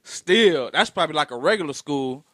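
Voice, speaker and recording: A man's voice: a little high, animated, normal speed, pushed and bright, no room sound. Chill guy chiming in on a podcast, dry close sound, kinda reflective. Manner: easygoing, reflective, chimes in. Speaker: podcast co-host. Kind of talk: casual chat. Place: Ann Arbor, Michigan.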